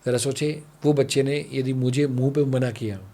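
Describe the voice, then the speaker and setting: A man's voice: mid-range voice, fairly even intonation, moderate pace, warm tone. A man from India, a parenting coach, talking on a podcast and acting out dialogues between parent and child. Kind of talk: podcast conversation, Hindi-English mix.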